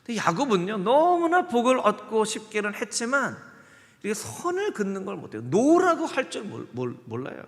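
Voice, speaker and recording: A man's voice: high-pitched, huge pitch swings, normal speed. A male pastor preaching a Sunday sermon, acting out dialogue and quizzing his congregation. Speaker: senior pastor. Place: church sanctuary. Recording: echoey church hall.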